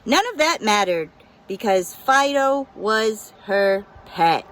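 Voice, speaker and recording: Slow, bright woman reading a storybook. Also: medium pitch, animated, a little hiss or hum. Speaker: storybook narrator. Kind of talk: scripted children's story narration.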